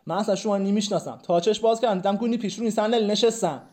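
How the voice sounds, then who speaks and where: An actor playing a cheeky, slangy working-class man under interrogation, swinging between loud protest and muttering, in a comedy sketch. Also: high-pitched, close to an everyday voice. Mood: pleading.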